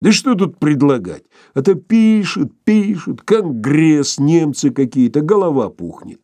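A man's voice: a little high, animated, measured pace, dark tone, no echo, pitched above the performer's own voice. Man doing a crude brash young lout. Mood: brash, grumbling. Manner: coarse, blunt, folksy speech.

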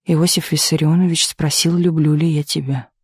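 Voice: medium pitch, steady tone, moderate pace, slightly rough, dry recording, clean studio sound. A reader voicing a polite, earnest young male writer in an audiobook. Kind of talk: audiobook character voice.

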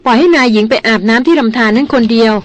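A woman's voice: medium pitch, moderate pace, darkish tone, close to an everyday voice. Woman reading as a stern veteran jungle hunter. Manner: curt and commanding. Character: stern grown man, a seasoned jungle hunter.

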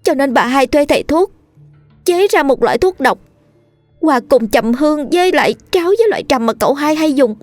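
A woman's voice: sits high, expressive, brisk, a little mellow, no echo, faint music behind, pitched above the performer's own voice. A woman voicing a terrified young female servant who stammers through a confession in a storytelling reading. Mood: frightened. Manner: stammering, trembling.

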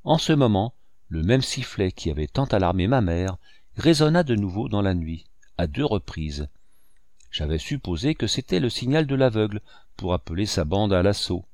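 A man narrating a novel in the first person with a measured storytelling delivery. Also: on the low side, sing-song, darkish tone, no room sound, studio quality. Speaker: audiobook narrator. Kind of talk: scripted narration.

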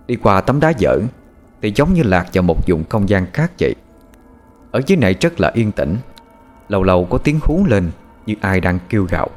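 A man narrating a scripted horror story in an expressive, suspenseful way. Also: fairly low pitch. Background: faint music.

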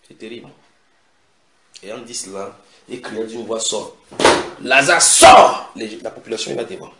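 A man preaching a sermon, retelling scripture dramatically with sudden shouted quotes and direct questions to his listeners. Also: fairly low pitch, flat delivery, normal speed, vocal fry, heavy background noise. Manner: asks the audience direct questions. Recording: echoey room.

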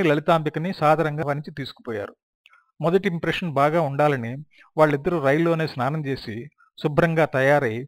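A man's voice: a little high, dry recording, studio quality. A man reading a first-person memoir aloud as an audiobook, in a reflective storytelling manner. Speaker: audiobook narrator.

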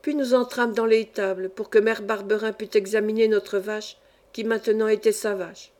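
A woman audiobook reader narrating a classic novel in a measured, expressive storytelling manner. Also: mid-range voice.

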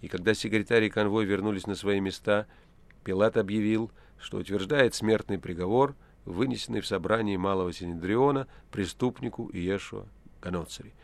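A man narrating a novel as an audiobook in a measured, even reading. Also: lowish voice, creaky. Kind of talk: scripted literary narration.

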